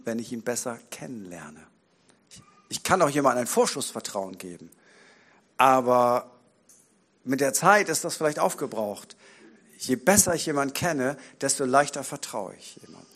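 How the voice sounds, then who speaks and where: A man's voice: medium pitch, a bit bright. A man preaching a sermon as guest preacher, building up repeated rhetorical lines and dropping in joking asides, recorded in a church.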